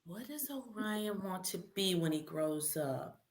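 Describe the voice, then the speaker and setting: With a fairly low voice and a measured pace, a woman hosts a live quiz read aloud to children. She keeps things animated and encouraging, calling out to participants and repeating questions.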